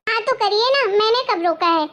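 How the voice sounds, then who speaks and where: A bossy, sharp-tongued young wife who nags and scolds with a sarcastic edge, as a woman acts her out. Her voice is very high and cutting. She fits a home-made family drama skit. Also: expressive, fairly quick. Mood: complaining. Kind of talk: comic family skit acting.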